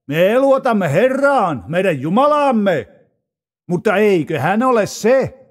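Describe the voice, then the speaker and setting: A man's voice: high voice, pitched above the performer's own voice. A man reading the part of a boastful male envoy of a conquering king, with a taunting, declamatory delivery. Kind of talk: dramatized scripture reading.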